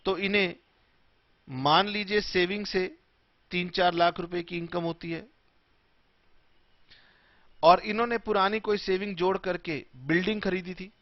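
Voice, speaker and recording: A man teaching tax law in a classroom lecture, mixing Hindi and English in a slow, emphatic way. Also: high-pitched, fairly even intonation, no echo, highs cut off.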